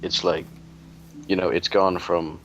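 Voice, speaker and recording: A man's voice: deep voice, level tone, unhurried, lo-fi sound, background noise. A young man hosting a let's play, chatting casually in a rambling way with lots of fillers and crude jokes. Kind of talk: casual chat while gaming.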